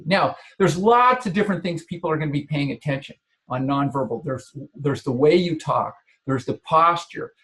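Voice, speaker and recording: A man coaching an audience on body language, repeating key phrases and checking in with "okay" and "all right". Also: fairly high pitch. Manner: frequent verbal restarts and filler checks like "okay". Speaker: business coach.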